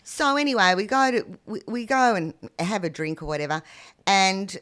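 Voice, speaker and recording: A woman's voice: mid-range voice, animated, normal speed, fairly bright tone. A middle-aged Australian woman co-hosting a podcast, telling long stories in casual chat and peppering them with "you know" fillers. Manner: rambling storyteller, full of "you know" fillers. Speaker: podcast co-host. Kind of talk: casual chat between friends.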